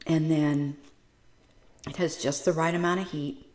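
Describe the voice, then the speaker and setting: A woman's voice: deep voice, steady tone, measured pace, a little mellow, roomy sound. A woman vlogger chatting casually to her viewers while eating in her home kitchen, savoring each bite. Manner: chatty, savoring food, talks between bites. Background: clinking dishes and cutlery.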